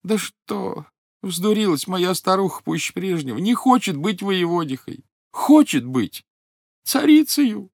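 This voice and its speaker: A man's voice: high-pitched, expressive, measured pace, vocal fry, no room sound, studio quality, voice pushed up, exaggerated voice. A man doing a meek, weary old fisherman. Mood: complaining. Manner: pleading, complaining.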